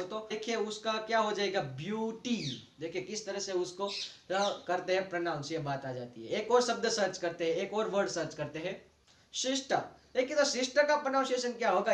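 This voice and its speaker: Indian male tutor, high voice, patient explainer, echoey room. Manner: patient, repeats words slowly to model sounds. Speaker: teacher. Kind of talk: online lesson explaining dictionary pronunciation.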